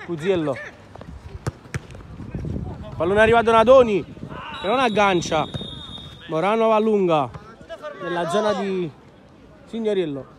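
A man's voice: high voice, expressive, measured pace, pauses often, crowd noise. A man giving live amateur football commentary outdoors, in short clipped phrases naming the players. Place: outdoor floodlit football pitch at night.

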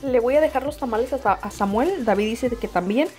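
A young woman talks casually to her phone camera, chatty and warm in tone, her voice sitting a little high. She slips English words into her talk now and then. Faint music plays underneath. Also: a little fast. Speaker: vlogger. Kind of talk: casual vlog chat. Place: Tucson, Arizona.

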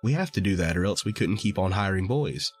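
A man's voice: deep voice, expressive, brisk, husky, faint music behind. A man voicing a sly little male dwarf who haggles and coaxes in a storybook reading. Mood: chatty. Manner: wheedling, coaxing haggler.

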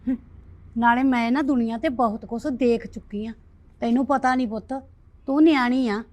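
A woman playing a worried, protective mother who loudly lectures her daughter in a family drama. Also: fairly high pitch, steady tone, moderate pace, natural voice. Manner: loud scolding, lecturing. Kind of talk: village family drama acting.

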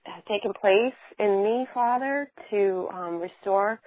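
A woman prays softly over the phone, unhurried and halting, pausing often between words. Her voice sits in a middle pitch. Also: poor audio. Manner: slow, halting and soft. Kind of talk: spontaneous spoken prayer.

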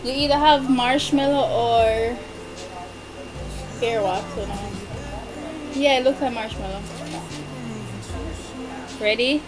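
High-pitched young woman, casual candy-tasting chat. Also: slow pace, pauses often, low-quality recording. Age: young adult. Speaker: challenge video host. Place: bedroom, indoors. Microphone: camera across a small table. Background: music in the background.

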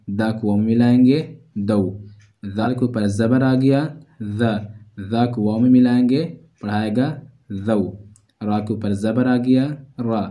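A man's voice: mid-range voice, dark tone. A man teaching Quran letter reading step by step, patiently repeating each syllable in a drill.

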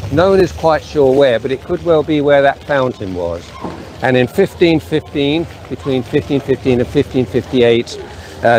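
Standing in a sunny town square, an older street preacher with a medium-pitched, slightly mellow voice addresses the camera earnestly and solemnly while reading names from a sheet. The camera picks him up from a few metres away.

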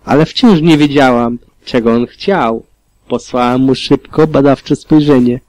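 A man reading a fan fiction audiobook aloud in a calm, steady manner with occasional slips. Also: medium pitch, a little slow, no echo, poor audio. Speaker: audiobook reader.

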